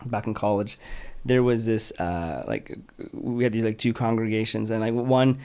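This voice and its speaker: A man's voice: lowish voice, moderate pace, darkish tone, smooth. Chatty, upbeat male podcast host. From Utah, United States. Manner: chatty, enthusiastic, many restarts and fillers. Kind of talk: casual interview chat.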